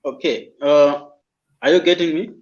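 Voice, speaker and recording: A man's voice: fairly high pitch, fairly even intonation, moderate pace, darkish tone. A man speaking as a guest evangelist on a talk show, giving sermon-like advice and repeating key words in threes. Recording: roomy, dull lo-fi sound.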